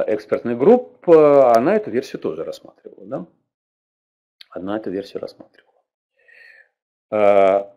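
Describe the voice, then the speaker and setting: A man's voice: medium pitch, mellow, slightly rough. An older man giving an academic lecture, loose and digressive, often checking in with his listeners. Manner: digressive, frequent filler particles and tag questions.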